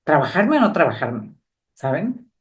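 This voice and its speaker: A middle-aged woman with a notably low voice, chatting on a podcast. She tells personal stories with animated energy and peppers her sentences with little check-in questions to her listeners. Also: measured pace. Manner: animated personal storytelling, frequent "o sea" and "¿sabes?" tags. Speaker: podcast co-host. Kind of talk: casual conversation.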